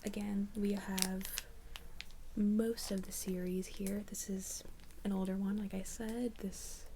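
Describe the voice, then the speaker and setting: A young woman in an ASMR role-play as a librarian, speaking in a soft, halting soft voice. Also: mid-range voice, vocal fry, a little hiss or hum. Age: young adult. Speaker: ASMR creator playing a librarian.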